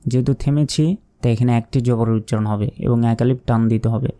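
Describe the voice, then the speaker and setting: A man with a warm, steady, mid-range voice leads a step-by-step Quran recitation lesson. He spells out letters and vowel marks patiently and methodically, and between plain explanations he chants the verses slowly and at length.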